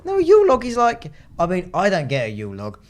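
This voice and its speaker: Young man, podcast co-host, chatty, quick-talking. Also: sits high. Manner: animated, talks over others, chatty. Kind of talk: casual chat.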